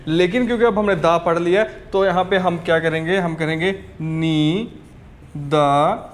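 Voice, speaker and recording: A man's voice: fairly high pitch, unhurried. A man teaching a language lesson, patiently repeating each word for learners to copy and checking in with "ok" as he goes. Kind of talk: slow step-by-step language lesson.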